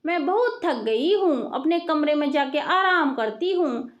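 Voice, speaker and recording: A woman's voice: high voice, lively intonation, unhurried, dull audio. A woman voicing a greedy, food-loving young daughter-in-law in a storybook tale, gushing and pleading.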